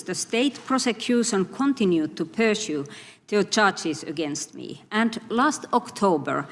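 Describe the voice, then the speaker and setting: A Finnish-accented woman in her sixties reads her statement in an earnest, measured way, now and then restarting a phrase. Her mid-pitched voice carries a long reverb from a large hearing room. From Finland. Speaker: witness at a legislative hearing. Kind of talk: prepared testimony.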